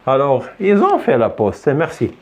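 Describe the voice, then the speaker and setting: A man's voice: mid-range voice, huge pitch swings, normal speed, highs cut off. A man teaching a French lesson in a classroom, patiently repeating phrases for his students to echo back. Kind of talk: classroom lesson with call-and-response drilling.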